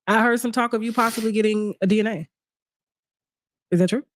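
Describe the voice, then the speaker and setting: A woman's voice: a little high, steady tone, dry recording, studio quality. A woman, interviewing a guest in a probing, teasing way. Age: 40s. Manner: probing, teasing, fast-talking. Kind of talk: interview chat.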